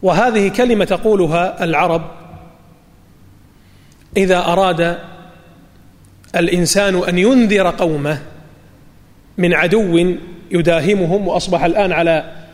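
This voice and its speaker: A man giving a sermon, retelling a story dramatically and rising to near shouts on quoted cries. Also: high-pitched, normal speed, pauses often. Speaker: preacher. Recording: long reverb.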